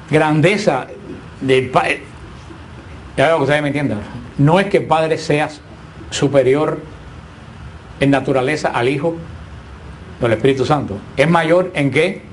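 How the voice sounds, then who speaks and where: A man teaching a Bible class who explains points slowly, often asks his listeners questions and repeats himself. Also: a little high, a little hiss or hum.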